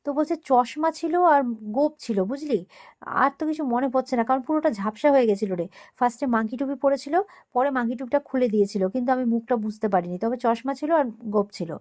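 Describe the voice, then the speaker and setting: Fast-talking woman retelling a TV serial. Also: high-pitched, darkish tone. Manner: acts out the dialogue in a raised voice. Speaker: serial recap narrator. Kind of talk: casual retelling of a TV episode.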